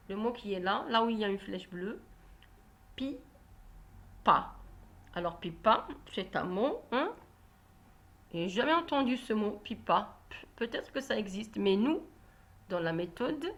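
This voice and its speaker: A woman teaching a reading lesson to young children, saying each instruction clearly and repeating it. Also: medium pitch, a bit bright. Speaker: primary school teacher.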